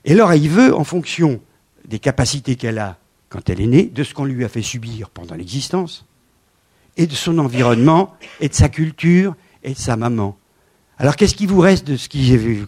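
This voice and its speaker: A man in his seventies giving a lively lecture with slides, swinging from loud emphasis to quiet asides. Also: mid-range voice, normal speed, husky. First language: French. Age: 70s.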